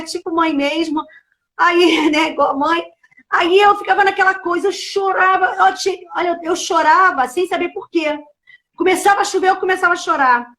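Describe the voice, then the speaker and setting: A middle-aged woman pastor hosts an online show and talks through a personal testimony with deep feeling. Her voice sits very high, and it swells toward near-shouting when she is most moved. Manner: heartfelt, at times rising to near-shouting. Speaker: pastor hosting a live show. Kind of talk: emotional personal testimony in casual chat.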